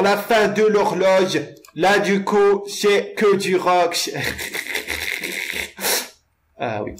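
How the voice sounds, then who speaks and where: A young man talks through his gameplay at an unhurried pace, his voice sitting a bit high for a man. He jokes and rambles to his viewers and keeps stumbling over repeated words. He sounds close to a desk microphone. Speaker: gamer narrating his own play. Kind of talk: casual let's-play commentary.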